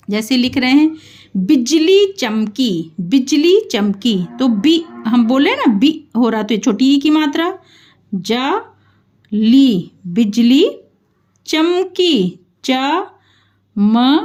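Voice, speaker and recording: Slow, high-voiced woman teaching spelling. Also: a little mellow. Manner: breaks words into syllables and stretches the vowels; checks in with the learners often. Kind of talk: slow classroom-style spelling lesson.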